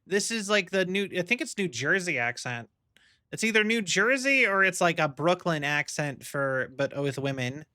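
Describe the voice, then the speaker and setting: A man's voice: sits high, very animated, moderate pace, sharp tone, smooth, no room sound, studio quality. A young man livestreaming a game, musing aloud in a rambling, casual way. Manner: rambling, musing, many fillers. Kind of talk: casual chat while gaming. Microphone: streaming mic.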